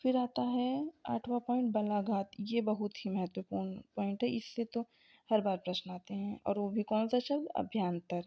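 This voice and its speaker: A woman's voice: mid-range voice, steady tone, gravelly. A woman teacher giving an exam revision lecture, reading out terms and examples one by one. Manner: slow, deliberate, reading out lists of examples. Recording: dull lo-fi recording.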